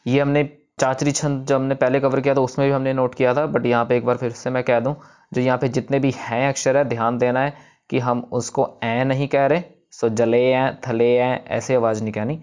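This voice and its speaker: A man teaching the pronunciation of a prayer text, patiently explaining and demonstrating words slowly syllable by syllable. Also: mid-range voice, little pitch movement, a little mellow, clear, resonant tone. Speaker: recitation teacher.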